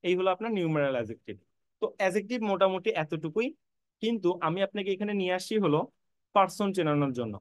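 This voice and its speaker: Fast-talking man drilling a grammar lesson. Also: high-pitched, lively intonation, no echo. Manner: repetitive, drilling, spells words letter by letter; reassuring, addresses students directly. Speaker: English teacher. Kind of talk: online admission-prep lecture.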